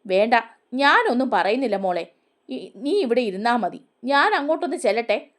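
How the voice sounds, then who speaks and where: A man's voice: extremely high pitch, big pitch swings, normal speed, a bit bright, heavily acted. A woman voicing a stern, protective old grandfather who warns bluntly, in a storybook retelling. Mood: earnest. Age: older. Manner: warning, blunt.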